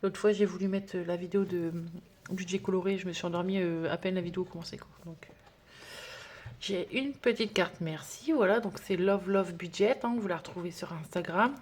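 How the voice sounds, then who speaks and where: Chatty woman unboxing with soft asides. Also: fairly low pitch, a little fast, breathy edge. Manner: chatty, gushing, many fillers, drops to soft whispers. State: tired, trembling hands. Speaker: budgeting vlogger. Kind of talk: casual unboxing chat.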